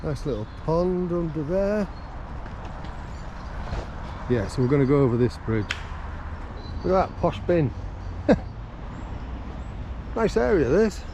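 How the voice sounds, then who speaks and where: Vlogging his day out in a river town and from inside a vehicle, this man chats wryly and tosses off little jokes in a rough, gravelly voice that sits on the high side. His pitch swings widely, and he talks slowly with long pauses. Outdoor street and traffic sounds run underneath.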